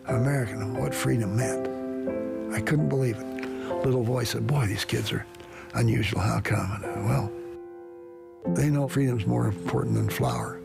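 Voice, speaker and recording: An older man recounting his own wartime experience as a pilot, earnest and halting, with frequent restarts. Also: medium pitch, creaky. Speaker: veteran pilot telling a story. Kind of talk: storytelling, archival recording.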